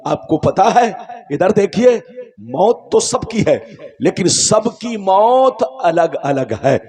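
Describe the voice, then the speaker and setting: High voiced preacher man, declaiming, repeats lines, shouts at the crowd. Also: big pitch swings. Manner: declamatory, repetitive, crowd-rousing, bursts into shouts and chant. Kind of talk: Urdu religious sermon.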